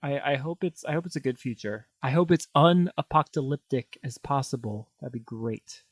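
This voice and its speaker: A young man co-hosting a comedy podcast, playful and quick to laugh. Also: medium pitch, no echo. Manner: playful, laughs often, lively. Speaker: podcast co-host. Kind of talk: casual comedic chat.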